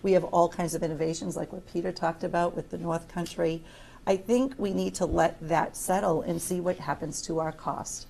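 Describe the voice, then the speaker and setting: An American woman speaking as an insurance executive on a panel, measured and deliberate with a dry touch. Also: lowish voice, vocal fry, a little mellow. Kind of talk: panel discussion remarks. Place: conference room panel.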